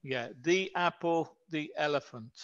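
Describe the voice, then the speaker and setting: A man whose first language is English teaches a grammar lesson in Spanish, speaking very slowly and carefully and repeating each example word. His voice sits a little high, and the recording is slightly dull and lo-fi. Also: fairly bright tone.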